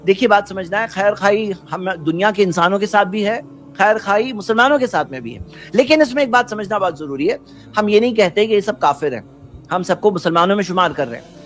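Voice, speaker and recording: A man's voice: high voice, expressive, fairly bright tone, soft background music. A man giving an earnest religious talk who keeps asking rhetorical questions and quotes Arabic before explaining it. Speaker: Islamic preacher.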